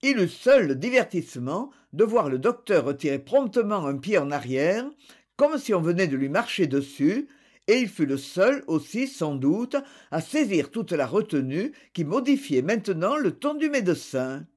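A man's voice: high voice, sing-song, normal speed, darkish tone. A man reading a detective novel aloud as scripted narration, voicing the dialogue with animation. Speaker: audiobook reader.

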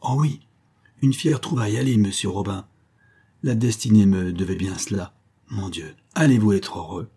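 A man voicing an excited freed convict who talks in a breathless, exalted, urgent way. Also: medium pitch, normal speed, husky, close to an everyday voice. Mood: overjoyed.

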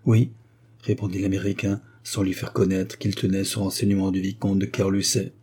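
A man reading a classic novel aloud as an audiobook, measured and expressive. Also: deep voice, husky. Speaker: audiobook narrator.

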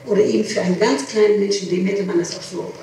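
A woman talks fast in a steady, creaky, mid-range voice while answering a prosecutor in a formal interrogation, explaining herself and repeating details insistently. Music plays in the background of the echoey archival tape, recorded in a reverberant room with a distant mic and hiss.

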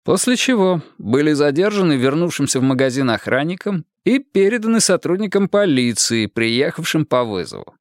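A man voicing a patient police lieutenant who questions a suspect in a formal, measured way. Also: a little high, very animated, dry recording, clean studio sound, pitched above the performer's own voice. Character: calm patient male police lieutenant interrogator.

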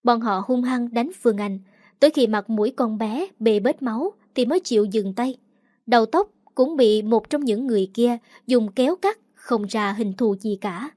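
Woman narrating a story, kinda high voice, steady, no room sound. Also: normal speed, no room sound, studio quality. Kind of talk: first-person audiobook narration.

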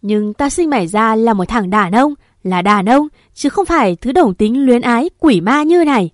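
A woman voicing a domineering older father who shouts harshly at his son in an audiobook story. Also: medium pitch, lively intonation, moderate pace, no room sound, clean studio sound, natural voice. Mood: angry. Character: stern patriarch father, older man, domineering.

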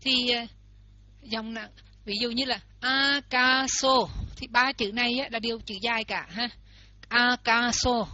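Woman explaining a lesson step by step, bright higher voice, muffled lo-fi sound. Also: steady tone, a little slow, dry recording. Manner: explains step by step, repeats example words aloud. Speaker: teacher. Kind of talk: lesson on Pali pronunciation. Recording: dull lo-fi recording.

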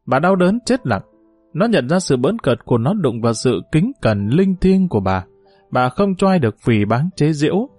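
A man reading a novel aloud in steady, measured storytelling narration. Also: medium pitch, no room sound.

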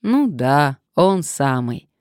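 A woman's voice: low-pitched, very animated, drawn-out words, darkish tone, dry recording, clean studio sound, exaggerated voice. A woman doing a boisterous middle-aged man. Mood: hearty. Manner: boisterous, overly familiar. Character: cheerful balding middle-aged male ex-classmate.

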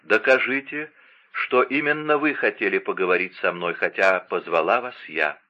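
A man's voice: fairly low pitch, moderate pace, highs cut off, natural voice. A man reading an audiobook voices a proud, jealous young princess at court who turns from haughty to tearful. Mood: teasing. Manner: haughty, then tearful and pleading.

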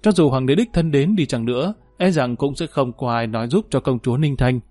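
A man's voice: medium pitch, fairly quick, dark tone, no room sound. A man narrating a historical novel, reading steadily and lifting his voice when characters speak. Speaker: audiobook narrator.

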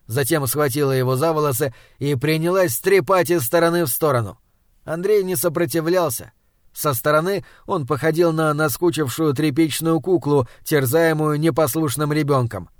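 A man's voice: fairly high pitch, dry recording, clean studio sound. A man reading an audiobook aloud in scripted narration, storytelling evenly and acting out the dialogue. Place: home recording setup.

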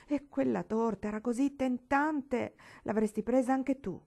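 A woman's voice: fairly high pitch, measured pace, vocal fry, mellow, pitched above the performer's own voice. A woman reading aloud, voicing a proud, pious young girl who scolds sharply and sulks. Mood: tearful.

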